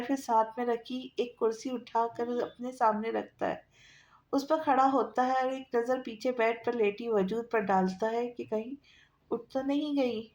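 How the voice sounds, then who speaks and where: A woman narrating a romance novel aloud in a steady storytelling manner. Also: fairly high pitch. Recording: echoey room.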